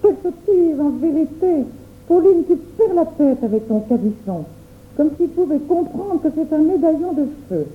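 A woman's voice: high voice, lively intonation, normal speed. A stern mother who scolds sharply and demands answers, voiced by a woman reading a story. The recording sounds thin and narrow, like a phone call. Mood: scolding. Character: stern, quick-tempered mother. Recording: tinny phone-like audio.

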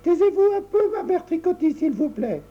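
A man's voice: very animated, moderate pace. A man voicing a serious, impatient little girl who knits, in a storybook reading. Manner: shrill and bossy. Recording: dull lo-fi recording.

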